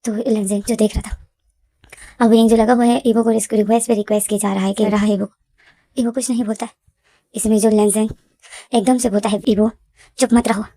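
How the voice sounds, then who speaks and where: A woman storyteller retells a love drama in a casual, repetitive, dramatic way. Her voice is fairly high, with a soft, warm, mellow tone. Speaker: fanfiction storyteller.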